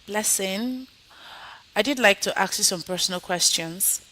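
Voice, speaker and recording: A woman coaches students in an online IELTS speaking lesson and then runs a mock exam, encouraging them and repeatedly saying "okay?". Her mid-range voice is pushed and bright at a measured pace, heard through a video call in a low-quality recording.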